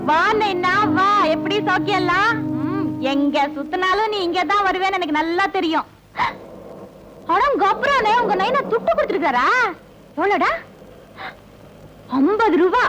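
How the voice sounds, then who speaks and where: A woman's voice: very high-pitched, lively intonation, a little slow, long pauses. Mayil, a defiant young village woman. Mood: mocking. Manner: defiant, mocking. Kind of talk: 1980s film acting. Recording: old film soundtrack with loud music.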